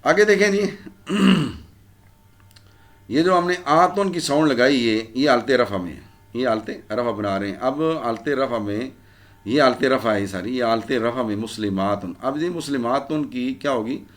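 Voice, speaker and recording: Man, grammar teacher, recorded lesson, mid pitch, repeats endings, answers own questions. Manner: repetitive drilling of word endings, asks and answers own questions.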